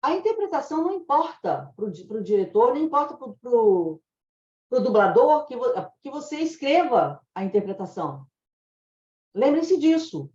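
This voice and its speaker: A woman's voice: high voice, sing-song, moderate pace, warm tone. Chatty Brazilian woman teaching dubbing. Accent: Brazilian Portuguese. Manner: chatty, explanatory, laughs at own anecdotes. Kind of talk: informal online lesson. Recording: roomy, dull lo-fi sound.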